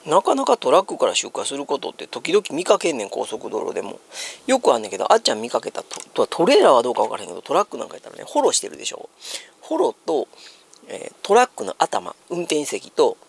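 Husky, lively Japanese man with Kansai accent. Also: medium pitch, quick pace. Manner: explanatory, thinking aloud in colloquial dialect. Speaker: solo streamer commenting on news. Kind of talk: casual chat commentary on news. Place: small room at home, seated on a sofa.

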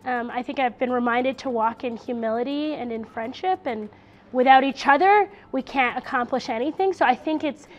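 A young woman student reflecting on the program in a heartfelt, animated way. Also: high voice, moderate pace, highs cut off. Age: young adult. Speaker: student participant. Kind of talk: reflective interview.

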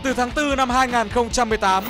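Very high-pitched male promo announcer. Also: fast. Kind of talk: scripted promotional narration. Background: music.

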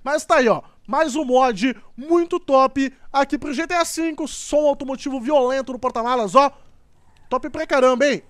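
A man giving excitable, exclamatory gameplay commentary as a gaming video host. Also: extremely high pitch, normal speed, no room sound, studio quality. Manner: excitable, exclamatory, repeats "top" and "ó". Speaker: gaming YouTuber.

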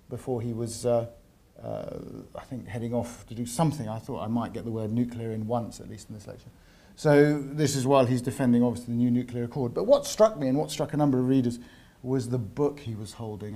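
A man giving an academic seminar lecture at a university, often pausing and repeating words as he searches for the right phrasing. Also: medium pitch, warm tone. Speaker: visiting lecturer.

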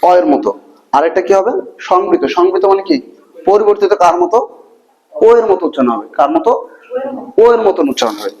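Male teacher, a touch high-pitched, quizzes the class as he goes. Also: very animated, fairly quick, pauses often, a little mellow, muffled recording. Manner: asks the class repeated questions, colloquial. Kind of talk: classroom grammar lesson.

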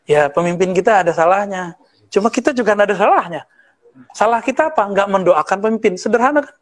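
A man's voice: high voice, animated, quick pace. A man in his thirties from West Sumatra, an Islamic preacher giving a conversational study lecture with Arabic terms and teasing asides. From West Sumatra, Indonesia. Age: 30s.

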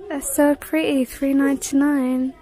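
Holding her phone as she shops a large home decor store, a young woman offers easygoing shop-with-me commentary in a high-pitched, mellow voice. She chats freely, reads prices out loud, and sometimes drops to a whisper.

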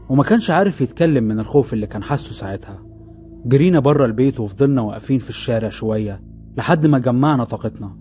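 This narrator's voice is mid-range and dark in tone. He speaks with an Egyptian Arabic accent, delivering scripted first-person horror tales with suspense while music plays underneath.

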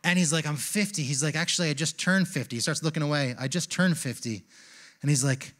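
Brief: man in his forties, pastor, conversational sermon storyteller, a bit high-voiced, handheld mic on a big stage. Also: brisk. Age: 40s. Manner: conversational storytelling, turns hushed and reflective. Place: large church stage.

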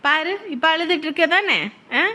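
A woman's voice: extremely high pitch, normal speed. A woman playing a strict mother who scolds her son and argues with her mother-in-law. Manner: scolding, sharp, teasing. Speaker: mother in a family comedy. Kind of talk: village family comedy acting.

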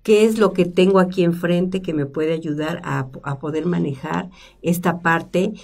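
A middle-aged woman, a psychologist guest, explaining calmly in a studio conversation and asking herself rhetorical questions. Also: fairly low pitch, measured pace, creaky. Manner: reflective, lists rhetorical questions. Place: studio with stone wall, seated at table. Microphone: desk microphone.

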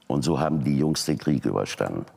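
Older man with a very deep gravelly voice. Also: brisk. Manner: animated retelling, voicing quoted people. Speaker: talk show guest. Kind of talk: personal storytelling.

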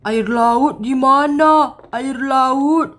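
A woman voicing a crowned male king worm who is parched and keeps pleading for salt water in a drawn-out whine. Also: sits high, soft background music. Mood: distressed.

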